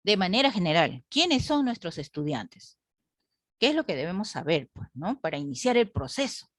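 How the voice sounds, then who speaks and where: Lively, low-voiced woman teacher. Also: normal speed, dry recording, studio quality. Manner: rhetorical questions to the group, frequent tag "¿no?". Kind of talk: online class lecture.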